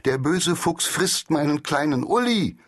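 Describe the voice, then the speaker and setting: A man's voice: fairly low pitch, lively intonation, moderate pace, husky. A man voicing a small, timid boy hare who finds his courage in a children's story. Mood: panicked.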